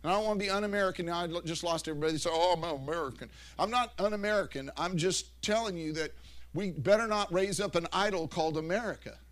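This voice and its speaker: A middle-aged man preaching a sermon through animated stories, with frequent restarts and self-corrections. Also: high voice, fast talker. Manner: rambling, animated storytelling with many restarts. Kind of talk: anecdotal sermon.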